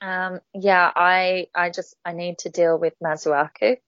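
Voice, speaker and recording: A woman's voice: fairly low pitch, steady tone, a little slow, a bit bright, no echo. A woman hosting a casual podcast, talking in a chatty way with frequent ums and restarts. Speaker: podcast host. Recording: dull, lo-fi dry sound.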